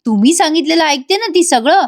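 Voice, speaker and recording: A woman's voice: fairly high pitch, fairly quick, dry recording, studio quality, close to an everyday voice. A woman voicing a nasty, bossy woman of the house who taunts and scolds. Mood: taunting. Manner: taunting, sarcastic.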